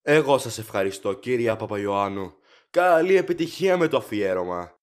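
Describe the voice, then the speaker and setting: A man's voice: on the low side, expressive, lightly acted. A man playing a courteous, chatty factory director in an audio drama, formal, rambling and eager to please. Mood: polite, explanatory.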